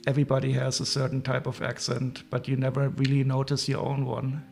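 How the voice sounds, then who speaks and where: A man's voice: mid-range voice, completely flat delivery, a little fast, creaky. A man with a German accent, chatting casually with viewers as a livestream host while sorting toy parts. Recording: faint music behind.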